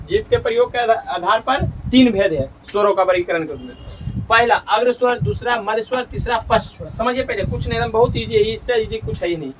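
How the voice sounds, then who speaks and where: A man's voice: sits high, fairly quick, far from the mic, background noise. A man teaching a grammar lesson, explaining step by step, repeating himself and correcting slips as he goes. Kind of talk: classroom-style grammar lesson. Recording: voice from away from the mic.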